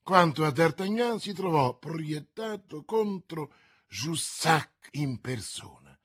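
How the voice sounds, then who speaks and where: A man narrating an adventure novel aloud in a theatrical, unhurried reading style. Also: fairly high pitch, sing-song, fairly bright tone, slightly rough. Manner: theatrical, unhurried, swelling with the action. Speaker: audiobook narrator. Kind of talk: dramatic audiobook reading.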